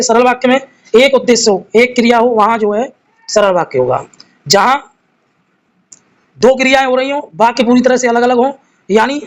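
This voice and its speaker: A man's voice: very high-pitched, low-quality recording. A man teaching a live grammar class, reading each quiz question and its options aloud, then explaining the answer and addressing his students fondly as children.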